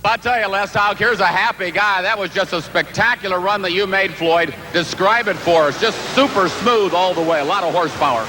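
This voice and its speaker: A man announcing a tractor pull, calling runs with excited, emphatic build-up and interviewing drivers. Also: sits high, a little fast, few pauses. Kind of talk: live motorsport commentary and interviews. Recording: engine and outdoor arena noise.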